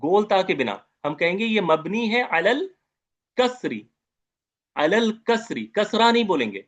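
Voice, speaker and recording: A man's voice: high-pitched, very animated, a little slow. A man teaching an Arabic grammar lecture, repeating terms and asking his students questions as he goes.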